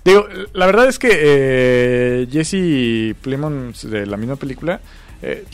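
A man's voice: medium pitch, expressive, slow, clean tone, dry recording, soft background music. A man, talking in a rambling, hesitant way, full of fillers, as co-host of a casual chat about film awards. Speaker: podcast co-host.

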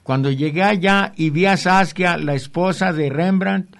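A man's voice: high voice, unhurried, vocal fry, fairly bright tone. An older man with a Mexican accent, a printmaker guest telling rambling stories with chuckling asides. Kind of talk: anecdotal interview talk.

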